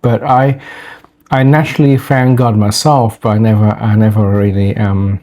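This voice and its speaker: A man's voice: lowish voice, fairly even intonation, mellow. A man from Birmingham, England, with a Birmingham accent, co-hosting a vlog and chatting casually about his childhood, often stopping to restart his sentences. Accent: Birmingham English. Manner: halting, self-correcting, thoughtful. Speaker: vlog co-host. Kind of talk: casual chat.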